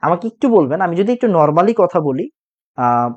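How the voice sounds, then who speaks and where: This online chemistry teacher is a young man whose high-pitched, lively voice moves fast, with a darkish tone and lo-fi sound quality. A sore throat from talking loudly doesn't stop him from repeating each point and quizzing students.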